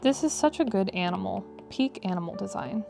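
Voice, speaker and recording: Woman with heavy vocal fry, chatty. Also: mid-range voice, lively intonation, fairly quick. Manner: chatty, wry asides with frequent "like". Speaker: digital artist narrating a drawing tutorial. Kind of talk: casual rambling tutorial commentary. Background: piano music.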